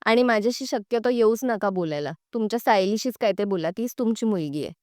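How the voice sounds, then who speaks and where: A woman's voice: medium pitch, expressive, a little fast, darkish tone, no room sound, clean studio sound, natural voice. Woman reading as a rude, scornful young wife. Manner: rude, scolding. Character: sharp-tongued haughty young wife.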